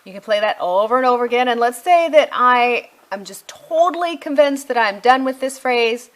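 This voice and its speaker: A middle-aged woman reviews homeschool curriculum in a casual walkthrough, chatting and thinking aloud as she goes. Her voice is a little high and expressive, at a normal speed.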